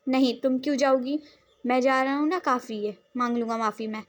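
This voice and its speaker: A woman's voice: high voice, a little fast, lightly acted. A woman voicing a jealous, hotheaded young man in love, reading his lines in a storybook role reading with brooding retorts. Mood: sullen.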